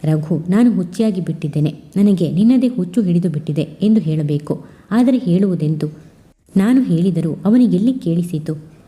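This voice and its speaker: A woman voicing a heartbroken young woman torn over her marriage, speaking her inner thoughts slowly and pleadingly. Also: fairly low pitch, animated, mellow, close to an everyday voice. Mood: longing. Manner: slow, pleading inner monologue.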